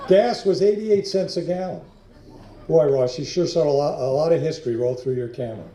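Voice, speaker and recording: A man's voice: on the high side, brisk, dark tone, roomy sound. A man presenting an award at a luncheon, introducing an honoree in a friendly, lightly joking way. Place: large banquet hall.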